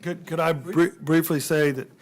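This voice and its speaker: A man making informal, halting remarks in a public meeting room. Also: a little high, steady tone. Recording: faintly noisy, distant meeting room recording.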